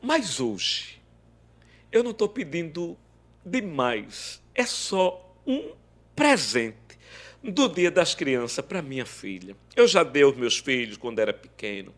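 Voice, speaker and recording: A man telling an emotional faith testimony as a podcast guest, acting out every quoted line of dialogue. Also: slow. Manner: animated, acts out quoted dialogue with big swings in pitch and loudness.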